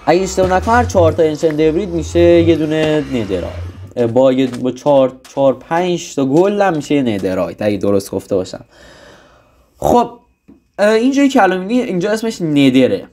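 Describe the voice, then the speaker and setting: A young man talks through a game tutorial in a loose, rambling way, full of restarts and little jokes. His voice sits slightly high and jumps around a lot in pitch. A faint hiss sits under the recording. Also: sing-song, mellow. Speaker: gaming tutorial host. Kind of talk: casual gameplay tutorial.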